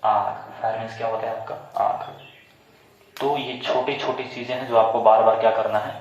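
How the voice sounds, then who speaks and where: A man's voice: lowish voice, flat delivery, normal speed, a little hiss or hum. Man teaching in an echoey classroom. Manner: quizzing pupils, spelling words out and repeating them. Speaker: English teacher. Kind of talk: classroom pronunciation lesson. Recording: echoey room, muffled sound.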